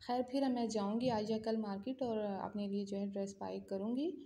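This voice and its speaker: A woman's voice: mid-range voice, steady tone, normal speed, mellow, a little hiss or hum. Chatty Pakistani woman in an echoey room. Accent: Pakistani Urdu. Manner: chatty, talks straight to viewers. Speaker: vlogger. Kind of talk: casual home vlog. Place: home room. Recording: echoey room, faint ambience.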